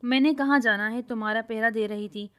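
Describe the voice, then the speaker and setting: A woman voicing a bossy, boastful, hot-tempered young university woman who scolds loudly, in a storybook reading. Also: on the high side, fairly even intonation, clear, resonant tone, lightly acted. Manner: scolding, loud and quarrelsome.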